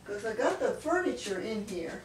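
A woman's voice: medium pitch, normal speed. Older woman, distant and roomy. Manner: relaxed, hesitant, with fillers. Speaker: homeowner. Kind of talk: casual chat. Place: inside a house. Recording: roomy sound from far off the mic, faint noise.

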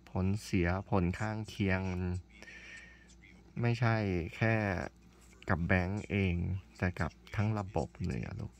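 A woman chatting slowly and dotingly to her cat in a teasing, affectionate way, humming between phrases. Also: very deep voice, vocal fry, a little mellow, a little hiss or hum. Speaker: vlogger talking to her cat. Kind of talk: casual chat addressed to a pet.

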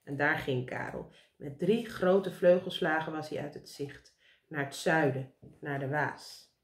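Vrouw die een kinderboek voorleest, galmend. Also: female voice, deep voice, a little slow. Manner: lively, expressive narration. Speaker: storybook reader. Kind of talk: reading a children's book aloud. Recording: roomy echo.

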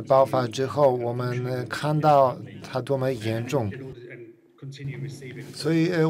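Halting male conference interpreter, crowd behind. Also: mid-range voice. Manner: halting, many fillers and repeated words. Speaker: simultaneous interpreter. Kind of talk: simultaneous interpretation of a panel.

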